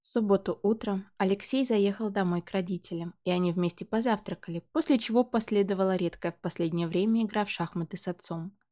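Mellow woman reading an audiobook. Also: mid-range voice, quick pace, few pauses. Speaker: audiobook narrator. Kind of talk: scripted narration.

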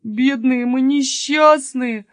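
A woman's voice: high-pitched, expressive, brisk, no echo, voice pushed up. A woman voicing a whiny young male robber, plaintive and complaining. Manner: whining, plaintive. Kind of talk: storybook reading.

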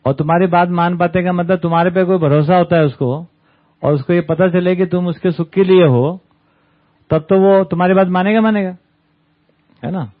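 A man's voice: high-pitched, fairly even intonation, normal speed. A man giving a conversational talk to a study group, often checking in with little tag questions. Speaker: camp speaker. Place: camp hall with an audience. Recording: tinny phone-like sound.

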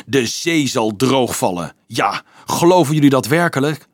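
A hot-tempered teenage boy, shouting and snapping with a high cracking voice, as a male reader puts him on. Husky, dry audiobook sound, close to the mic, with wild swings in pitch. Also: animated, unhurried, no echo. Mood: angry. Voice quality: voice cracking with rage.

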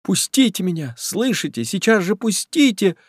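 A man's voice: expressive, moderate pace, no echo, clean studio sound, close to an everyday voice. A man voicing a frightened young woman pleading. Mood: desperate. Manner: high, urgent, indignant.

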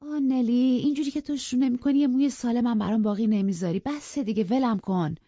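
A woman voicing a proud, petulant young woman who speaks high and exasperated, scolding, in a dull lo-fi audiobook recording. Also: expressive, warm tone, dry recording, close to an everyday voice.

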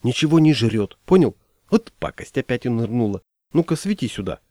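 A man's voice: medium pitch, big pitch swings, fairly quick, a little mellow, dry recording, clean studio sound. A man voicing a friendly, fussy fish-keeping pal who talks in a coaxing, folksy way.

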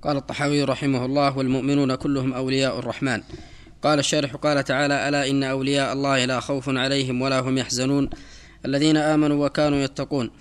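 A man reading a classical Arabic text aloud for a teacher, reciting quickly and evenly with small slips. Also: mid-range voice, flat delivery.

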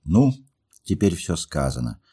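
The reader himself voices a lovesick young dreamer who is earnest and agitated, breaking into fervent, pleading outbursts. His voice is deep, dark, and husky, heavily acted with a sing-song lilt at a measured pace.

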